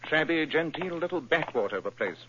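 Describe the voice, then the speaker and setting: Sherlock Holmes, played by a man in a vintage radio play. His voice rises and falls a lot as he fires off crisp, clipped questions and hums while he thinks. The broadcast sounds muffled, with a clear steady hiss under it. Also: fairly high pitch, brisk, close to an everyday voice. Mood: brisk. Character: Sherlock Holmes, sharp cool adult male detective. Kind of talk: 1940s radio acting.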